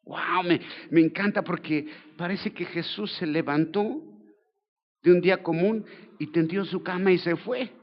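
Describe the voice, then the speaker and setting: An older man with a Mexican accent preaching a sermon as pastor, colloquial and joking, telling the story with lively slang. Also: high voice, measured pace, highs cut off. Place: church.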